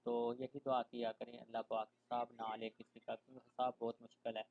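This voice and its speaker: A man giving an online Quran reading lesson. He recites verses slowly and loudly, then explains softly and conversationally, mixing in English words. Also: mid-range voice, flat delivery, gravelly, poor audio. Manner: mixes English words into his speech. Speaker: Quran teacher.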